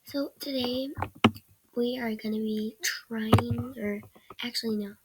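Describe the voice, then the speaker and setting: This sick teenage girl, whose voice is giving out, commentates casually on a computer game for her gaming channel in a fairly high voice with fairly even intonation and a slow pace. She rambles hesitantly and often drifts off into soft mumbles. Loud background noise and clicks fill the recording from her computer's screen-capture microphone.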